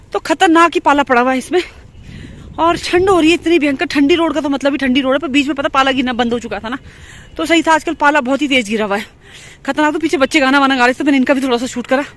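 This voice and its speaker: A woman's voice: high-pitched, fairly bright tone. A woman chatting to her viewers as she walks a foggy lakeside road, filming on a handheld phone. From Uttarakhand, India. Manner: chatty, keeps addressing viewers as friends. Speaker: vlogger. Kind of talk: casual walking vlog narration. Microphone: handheld phone while walking.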